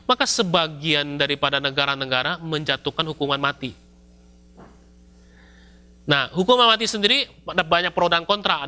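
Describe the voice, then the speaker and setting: A male pastor, preaching a sermon in a lively, storytelling way with casual slang. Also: on the high side. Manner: lively storytelling, acts out scenes with shouts and mock voices; casual colloquial Jakarta-style slang mixed in.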